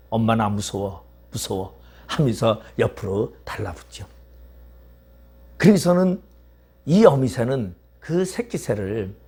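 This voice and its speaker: A man's voice: on the low side, a little mellow, slightly rough. A male pastor preaching a sermon in a church, telling a story vividly and asking rhetorical questions.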